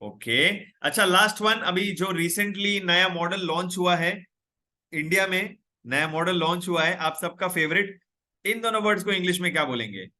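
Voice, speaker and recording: Speaking at a normal speed, the young man has a high voice with a bright, forceful tone. He hosts a live online English class where he reads viewers' names and comments and encourages students to speak.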